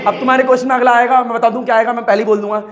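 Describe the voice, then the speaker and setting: Man, physics teacher, very high voice, chatty lecture style, keeps repeating key terms. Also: little pitch movement, very fast. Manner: chatty, repeats key words, prompts students to answer. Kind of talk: classroom lecture dictating notes.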